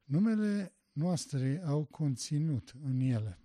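Very dark-voiced male preacher. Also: on the high side, animated, no room sound. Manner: emphatic, rising to loud passionate stress; rhetorical questions. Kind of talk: sermon.

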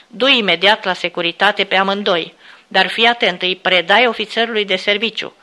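A woman's voice: mid-range voice, fairly even intonation, sharp tone, lightly acted. A woman voicing an angry male official who hisses threats through his teeth. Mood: threatening.

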